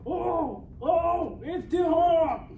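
A performer in an amateur stage play voicing a coffee maker that has come alive, crying out frantically in long pained shouts. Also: very high voice, creaky, narrow, tinny audio, exaggerated voice. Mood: frantic, pained. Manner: coffee maker wailing in pain, drawn-out shouted cries. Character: frantic talking coffee pot, really a shape-shifting tanuki. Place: classroom stage, indoors. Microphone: far camera. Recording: roomy, noisy classroom, distant camera microphone.

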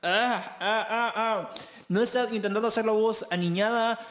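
An excitable man reacting to a song on his video channel. His voice sits a bit high, and he gushes with enthusiasm, laughing often as he talks. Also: normal speed. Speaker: music reaction youtuber. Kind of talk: excited music reaction commentary.

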